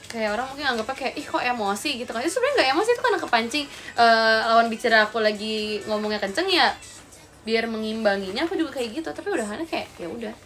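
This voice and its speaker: A woman's voice: fairly high pitch, lively intonation, quick pace, fairly bright tone, soft background music. A young woman chatting casually to her viewers on a livestream, rambling and talking to them directly. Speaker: idol livestreamer.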